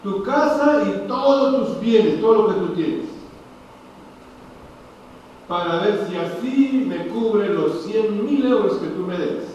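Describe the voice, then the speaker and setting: A man's voice: high-pitched, lively intonation, slow, a little mellow, a little hiss or hum. A preacher doing a stern rich king. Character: stern rich male king passing judgment. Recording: distant echoey hall, dull sound.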